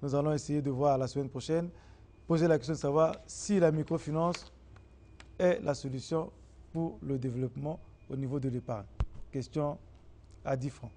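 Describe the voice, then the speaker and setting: A male talk show host with a Congolese accent wraps up his show for viewers in a mellow, slightly high, steady voice. He speaks haltingly and hesitantly, repeating words, over faint background noise.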